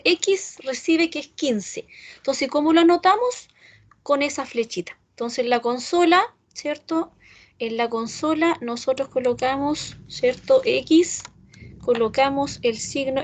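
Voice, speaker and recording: A woman teaching a class, talking slowly and patiently and checking in with her students often. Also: high-pitched, rough recording. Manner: slow, patient, keeps checking with "¿cierto?". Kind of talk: online class on R programming.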